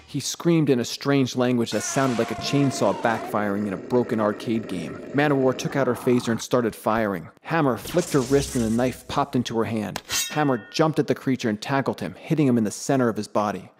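A man giving scripted audiobook narration with a steady storytelling delivery. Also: medium pitch, fairly quick, hardly any pauses, background noise.

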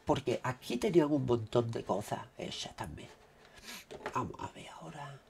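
Excitable gravelly man from Spain. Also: mid-range voice, normal speed, a little hiss or hum. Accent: Spain Spanish. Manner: excitable, exclaiming, keeps saying "look". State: throat dry after a cold. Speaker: vlogger. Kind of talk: casual commentary on screen recording.

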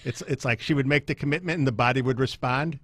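A man's voice: mid-range voice, fast talker, a bit bright, no room sound. A man co-hosting a sports talk show, chatting in a joking, wry way.

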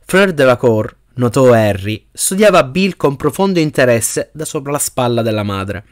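A man narrating an audiobook in a steady reading voice, with the occasional slip that he corrects himself. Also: mid-range voice, moderate pace. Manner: reads steadily with small slips and self-corrections. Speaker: audiobook reader.

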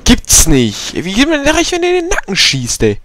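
A man's voice: very high voice, wildly swooping pitch, brisk, background noise. A man giving casual let's play commentary with grumbling, crude, exasperated asides. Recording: loud game gunfire behind the voice.

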